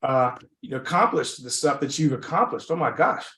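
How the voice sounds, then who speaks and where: A man's voice: medium pitch, brisk, a bit bright. Effusive man hosting in a roomy space. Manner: effusive, rambling, repeats "oh my gosh". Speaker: podcast host. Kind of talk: interview host. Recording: roomy echo.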